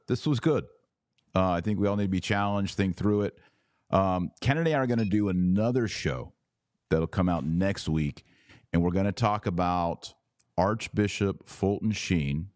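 A podcast host with a low, darkish voice chats casually and conversationally, sounding informal and enthusiastic. The sound is dry, with no room sound.

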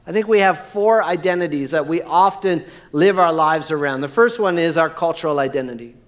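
A man preaching a sermon, measured and emphatic, slowing down on key words. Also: high-pitched, a bit bright. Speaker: pastor.

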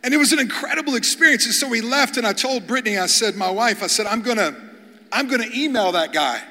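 A man's voice: very high voice, expressive, quick pace, pushed and bright. A man preaching as a guest pastor, telling humorous stories and often repeating words as he starts sentences. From Kentucky, USA. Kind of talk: storytelling sermon. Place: large church hall before an audience. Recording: long hall reverb.

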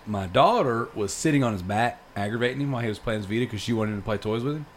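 A man in his thirties hosting a podcast, telling a long story in casual chat, rambling and animated with plenty of fillers. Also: on the low side, fast, slight background noise. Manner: rambling and animated, lots of fillers like dude and freaking. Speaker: podcast host.

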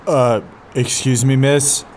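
A man's voice: mid-range voice, little pitch movement, takes it slowly, darkish tone, a little hiss or hum, lightly acted. A man reading as an awkward young man. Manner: hesitant, stumbling. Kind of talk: comedic screenplay read-through.

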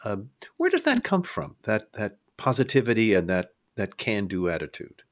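Earnest male host, very expressive pitch. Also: no echo. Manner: thoughtful, earnest, measured. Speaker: interview host. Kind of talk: reflective interview question.

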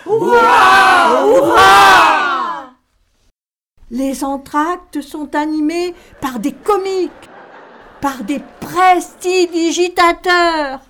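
A woman's voice: very high-pitched, slow pace, a crowd in the background, background noise. A woman reading scripted narration for a radio serial.

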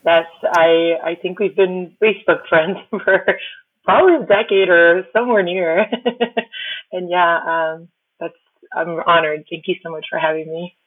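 A podcast guest from Miami whose first language is Spanish talks in a conversational interview over a tinny line. Her voice is low-leaning and husky, in a dry recording, and she comes across as reflective, laughing often and speaking haltingly with fillers.

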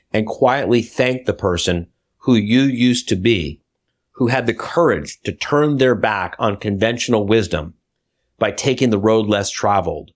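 A man hosting a podcast, joking around in the studio during bloopers in a playful, teasing way. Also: lowish voice. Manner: playful, teasing, mock-directorial. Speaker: podcast host. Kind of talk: casual studio banter and bloopers. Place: recording studio.

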